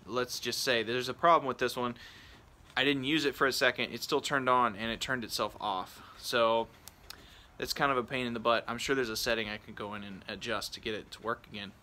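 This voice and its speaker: A man's voice: mid-range voice, pushed and bright. A man chatting casually and informally outdoors in a backyard, rambling and interrupting himself as he reviews gear. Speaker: product reviewer and vlogger. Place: outdoors in a backyard on a rainy evening.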